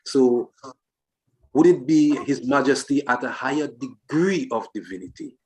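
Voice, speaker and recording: A man reasoning philosophically in a discussion, speaking deliberately phrase by phrase and posing questions. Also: mid-range voice, a little mellow, low-quality recording.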